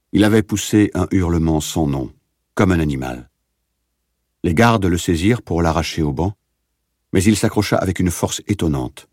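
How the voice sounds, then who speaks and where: A man narrating an audiobook in a steady, measured reading. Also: sits low, husky, no echo, clean studio sound.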